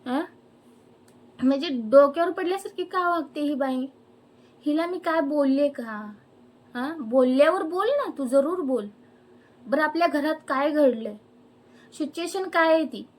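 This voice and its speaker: A woman's voice: high-pitched, lively intonation, measured pace, long pauses. A young woman ranting angrily to camera, firing off indignant rhetorical questions. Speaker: vlogger. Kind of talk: angry personal rant to camera.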